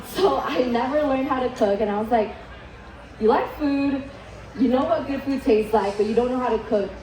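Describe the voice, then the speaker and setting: A young Vietnamese woman, a native Vietnamese speaker, delivers a keynote in an echoey event hall, sharing her story candidly and casually with plenty of "likes" and "ums." Her voice sits high with a darkish tone, she speaks at a moderate pace, and there's slight background noise.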